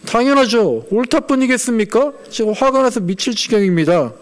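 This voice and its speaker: A man doing a furious, sulking prophet who has had enough and snaps his complaints bluntly. The voice sits high for a man and comes out quick and heated. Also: a little mellow. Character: angry sulking male prophet Jonah.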